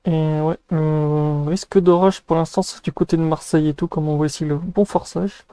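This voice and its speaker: Male weather vlogger. Slightly high, soft-edged voice, loose slangy delivery, dry close sound. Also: fairly even intonation, moderate pace, smooth, no echo. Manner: informal, slangy. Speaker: weather news host. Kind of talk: casual improvised weather commentary.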